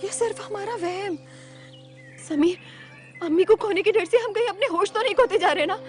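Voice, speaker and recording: Scared tutor girl, earnest and formal, highish voice. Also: moderate pace, faint music behind. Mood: troubled. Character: frightened young tutor haunted by a spirit.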